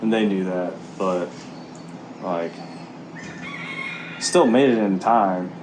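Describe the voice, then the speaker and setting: A man talking candidly and haltingly in a casual, reflective vlog while out walking. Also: low voice, noisy background. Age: middle-aged. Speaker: vlogger, military serviceman and former Marine. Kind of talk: casual walk-and-talk vlog.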